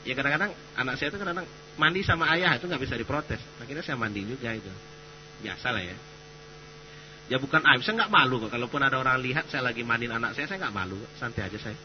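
A man's voice: mid-range voice, fast. Male preacher, casual joking lecture, dull hum-laden recording. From Sumatra. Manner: chatty, joking, animated. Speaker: Islamic preacher.

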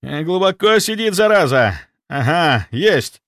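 Man voicing a shouting frantic inquisitor. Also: a little high, sing-song, unhurried, no room sound, clean studio sound, voice pushed up, full character voice. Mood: urgent. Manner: shouting, urgent. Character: male inquisitor with a detector, frantic.

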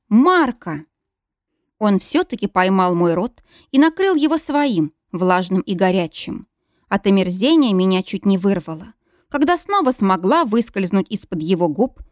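A woman narrating an audiobook in the first person, with an expressive, tense and dramatic delivery. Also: medium pitch, moderate pace, no echo, studio quality.

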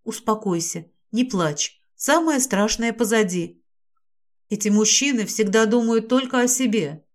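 A woman's voice: a little high, unhurried, natural voice. A woman voicing a firm, caring young woman. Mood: soothing. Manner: firm, scolding then soothing. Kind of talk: audiobook character voice.

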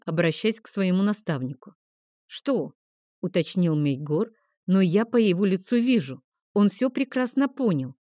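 A woman narrating a first-person fantasy novel in an expressive storytelling manner. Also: medium pitch, no echo, studio quality. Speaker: audiobook narrator.

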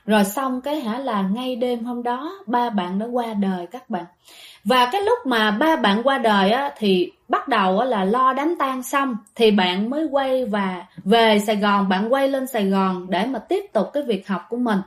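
Woman, ghost story narrator, chatty, talks to listeners, fairly high voice. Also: lively intonation, normal speed. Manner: chatty, addresses listeners directly.

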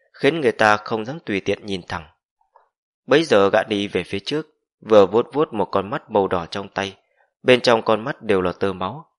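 Man, audiobook narrator, low voice, steady measured reading, fantasy novel.

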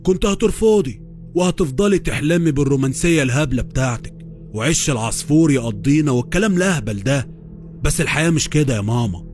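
Man doing a callous Egyptian husband, cold and brisk, story reading. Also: mid-range voice, lively intonation, darkish tone, faint music behind, lightly acted. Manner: cold and insolent.

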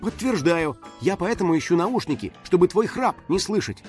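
A man's voice: high voice, animated, moderate pace, darkish tone, faint music behind, pitched above the performer's own voice. A man voicing a young girl who is sensible and a little sarcastic. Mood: dry. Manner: dry, matter-of-fact remarks.

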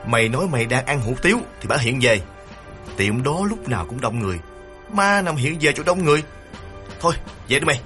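A man's voice: mid-range voice, big pitch swings, a little fast, pushed and bright, soft background music, pitched above the performer's own voice. A man voicing an irritated older thief who scolds curtly and impatiently in an audiobook. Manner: curt, scolding.

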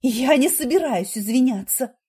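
A woman voicing a jealous, fiery young wife who speaks in a breathy, emotional way, for an audiobook romance. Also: high-pitched, expressive, moderate pace, warm tone, voice pushed up, exaggerated voice. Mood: angry.

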